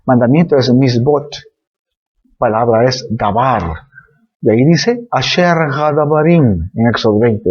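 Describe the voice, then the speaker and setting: A man's voice: mid-range voice, darkish tone, husky, muffled recording. A man giving a Bible teaching talk, explaining words patiently with many fillers and tag questions.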